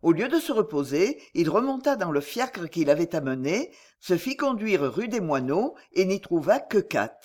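A woman narrating a classic novel as an audiobook, in expressive, steady storytelling. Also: lowish voice, normal speed, few pauses.

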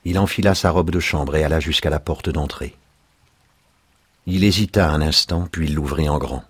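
A man narrating a story in a calm, measured audiobook reading. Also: very deep voice, breathy edge, no room sound.

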